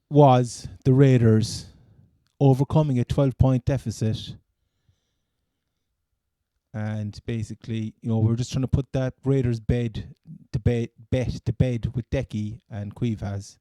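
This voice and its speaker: A man's voice: medium pitch, fairly even intonation, slow pace, dark tone, no echo, clean studio sound. A man with a Cork Irish accent chatting casually about sport as a co-host, rambling and stammering as he repeats his phrases. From Cork, Ireland. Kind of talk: casual American football chat.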